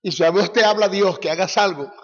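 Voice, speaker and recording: Brief: male Bible teacher, high voice, forceful and mocking, repetitive sermon, echoey lo-fi hall recording. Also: brisk, slightly rough.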